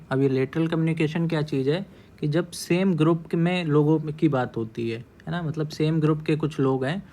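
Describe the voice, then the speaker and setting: A man teaching an exam-prep class in a relaxed, conversational way. His voice sits a bit high for a man. He keeps checking in with his listeners as he goes and slips English terms into his explanations. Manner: mixes English terms into Hindi. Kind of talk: casual Hindi-English lecture.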